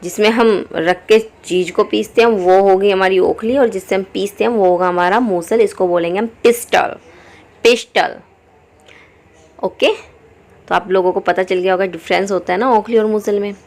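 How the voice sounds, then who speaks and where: A woman teaching English words for kitchen items in Hindi, repeating each word slowly and clearly. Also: medium pitch, steady tone, darkish tone. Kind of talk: vocabulary lesson.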